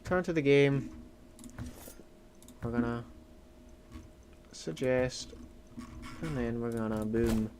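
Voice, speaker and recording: A man's voice: mid-range voice, slow, pauses often, a little mellow, a little hiss or hum. A Scottish man streaming a strategy game, chatting casually and rambling with lots of "like" fillers. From Scotland. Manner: rambling, heavy use of "like" fillers.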